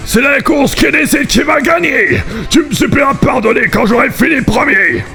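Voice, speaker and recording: A man voicing a big, brash, dim-witted albatross henchman in an amateur cartoon fandub, blustering and easily confused, with a gravelly voice. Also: very high voice, normal speed, bright, forceful tone, soft background music, full character voice. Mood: boastful, aggressive.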